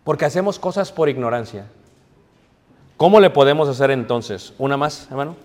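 A man's voice: mid-range voice, moderate pace, a little mellow. A man preaching a sermon to a congregation, telling stories, asking the audience questions and mixing in English. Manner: storytelling, asks the audience questions, mixes in English. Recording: reverberant hall.

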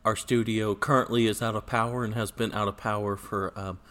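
Low-pitched man chatting in an echoey church. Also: fairly even intonation, brisk, a bit bright. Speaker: podcast co-host. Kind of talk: casual chat. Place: church sanctuary, indoors.

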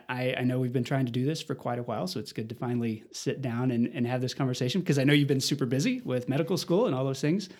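A man hosting an interview podcast, asking questions in a friendly, conversational way. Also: mid-range voice. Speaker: podcast host. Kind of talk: casual interview.

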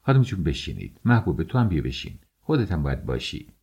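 A man reading an audiobook, voicing a calm, scheming young married woman who speaks firmly and coaxingly. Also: extremely low pitch, creaky, breathy edge, lo-fi sound, exaggerated voice. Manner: firm, coaxing.

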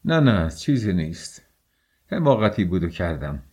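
A bitter, feverish young man, as a male reader voices him speaks scornfully in an audiobook. The voice sits low and dark, often dropping to a quiet mutter. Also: very animated, breathy edge, exaggerated voice.

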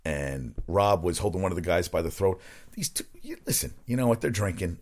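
A man's voice: deep voice, animated, a little fast, a little mellow. A man hosting his own sports podcast, rambling casually from topic to topic and swearing freely. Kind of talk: casual solo sports talk.

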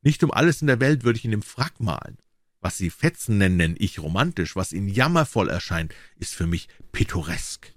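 A man's voice: lowish voice, sing-song, brisk, no echo, clean studio sound. A man voicing a worldly male painter who teases his friend, in a droll, lightly mocking way, in a storybook reading. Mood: amused.

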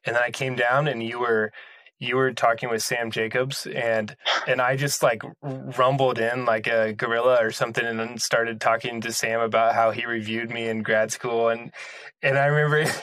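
A man's voice: mid-range voice, little pitch movement, normal speed, a bit bright, no echo. A male podcast host chatting casually and easily, often hesitating as he talks. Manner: easygoing, hesitant with "uh" and "just". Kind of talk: casual interview chat.

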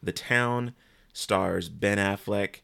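A young man with a deep, low voice, hosting a casual movie podcast. He recaps plots in an easygoing way, with plenty of "like"s. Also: takes it slowly, vocal fry, fairly bright tone, smooth. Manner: easygoing, explains plots, uses "like" often. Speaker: podcast host.

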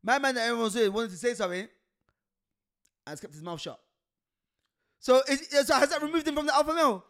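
A man's voice: very high-pitched, expressive, quick pace, pauses often, fairly bright tone. A man with a London roadman accent telling stories casually in street slang, insistent and repeating himself. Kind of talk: casual animated storytelling.

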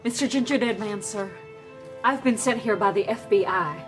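An earnest young female FBI agent, played by a woman, speaking in a stiff, businesslike way. Her voice sits at an ordinary pitch, with soft film music faintly underneath. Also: moderate pace, close to an everyday voice. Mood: formal. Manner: stiff, formal, businesslike delivery. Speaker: film character in a clip.

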